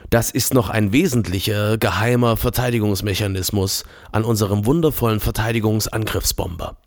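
A man's voice: lowish voice, steady tone, brisk, no echo, studio quality, lightly acted. A man voicing a helpful but impatient ex-soldier in an audiobook, talking in an eager, triumphant way.

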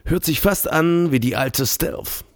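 A man putting on a pompous, slow-witted general. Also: a little high, voice pushed up. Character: pompous middle-aged male general, slow and credulous. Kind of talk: audiobook character voice.

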